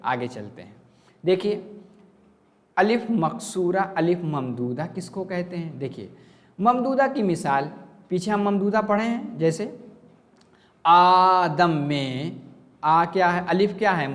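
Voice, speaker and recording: Male teacher with a slightly high voice and a slow, deliberate delivery, quizzing and answering himself. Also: fairly bright tone, long reverb tail. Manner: asks questions and answers them himself; slow and repetitive explaining. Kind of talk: online grammar lesson.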